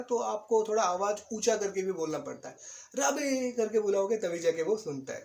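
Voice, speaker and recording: A man with a high-pitched voice gives a patient vocabulary lesson. He spells each word out letter by letter and keeps checking in with the viewer as he explains. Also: darkish tone. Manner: patient, repeats "right?", spells words out letter by letter. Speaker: spoken English teacher.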